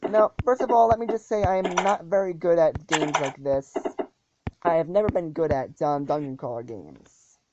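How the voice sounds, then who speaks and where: Low-voiced woman, muffled noisy recording. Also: normal speed. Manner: hesitant, many ums and restarts. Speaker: gaming channel host. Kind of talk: casual gameplay walkthrough. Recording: dull lo-fi audio with loud noise.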